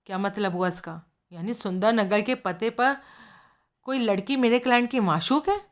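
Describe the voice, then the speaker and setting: Brief: sharp-tongued private eye man, dry and impatient, voiced by a woman. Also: medium pitch, moderate pace, lightly acted.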